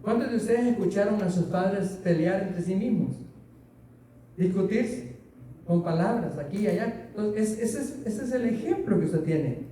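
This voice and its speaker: A man's voice: high-pitched, animated, moderate pace, mellow, distant mic. A man preaching a sermon to a congregation, speaking conversationally with stories and questions, in a church hall. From Latin America. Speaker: pastor. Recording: very echoey room, voice from off-mic, faint hiss.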